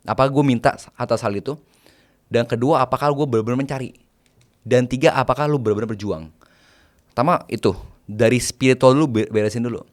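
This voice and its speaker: A man, a private banker, chatting casually as an interview guest, mixing in English phrases and laying out numbered tips. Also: medium pitch.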